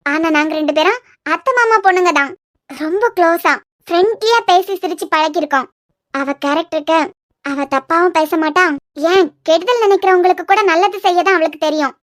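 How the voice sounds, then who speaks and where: Brief: woman playing a pert cartoon wife with a Kanyakumari accent, very high squeaky voice, dry close mic. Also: fairly bright tone, no room sound. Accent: Kanyakumari Tamil. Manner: pert, quick to argue. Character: young wife, sharp-tongued and protective. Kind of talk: cartoon web series voice acting.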